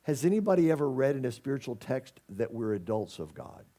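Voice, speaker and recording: A man's voice: medium pitch, sing-song, fairly quick, warm tone. A man giving a casual sermon as a spiritual community minister, folksy and conversational with plenty of jokes.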